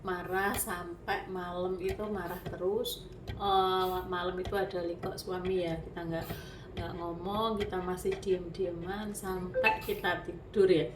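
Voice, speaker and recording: A woman's voice: lowish voice, flat delivery, measured pace, over music. A woman earnestly telling a personal story in a casual way. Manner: emotional, earnest. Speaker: wife telling her story. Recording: roomy, somewhat distant mic.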